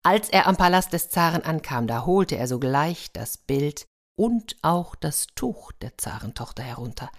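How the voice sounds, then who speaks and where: Give me a low-voiced woman narrating a fairy tale with a lively touch. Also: measured pace. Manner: lively, addresses the listeners. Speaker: storyteller.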